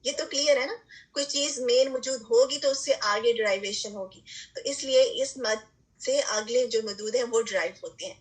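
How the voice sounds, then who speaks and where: A woman with a slightly high voice gives an online recitation lesson, captured on a rough recording. She explains patiently one step at a time, keeps asking "theek hai" to check on her students, and blends English terms into her speech.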